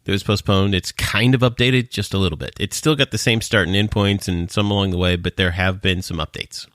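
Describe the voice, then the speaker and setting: A man co-hosting a car podcast, chatting in a relaxed, joking way. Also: deep voice, fairly quick, no room sound, studio quality. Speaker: podcast co-host. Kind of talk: casual podcast chat.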